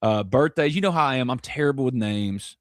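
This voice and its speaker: A North Mississippi man hosts a live sports podcast, speaking briskly at medium pitch with lively intonation. The chat is casual, rambling, jokey and self-deprecating, and the clean studio audio has no echo.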